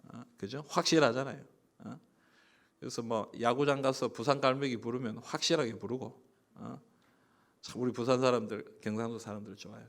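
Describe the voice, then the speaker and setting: A man from Busan with a Gyeongsang accent, preaching a sermon as pastor, moving between soft conversational asides and emphatic, rising lines. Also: medium pitch. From Busan, South Korea. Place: church sanctuary.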